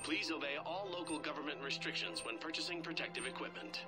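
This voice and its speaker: A man voicing a shop's loudspeaker announcements, formal and courteous in tone. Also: a little high, fast, over loud music. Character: male store loudspeaker announcement voice. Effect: store announcement over a loudspeaker.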